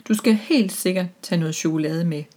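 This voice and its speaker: A woman's voice: fairly low pitch, dark tone, close to an everyday voice. A woman voicing a thoughtful, kind pelican in a children's story.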